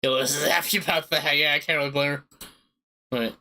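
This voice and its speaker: A man's voice: on the high side, fairly even intonation, quick pace, sharp tone, rough recording. A man streaming a visual novel, reading the game text aloud and reacting with casual swearing. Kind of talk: casual let's-play commentary.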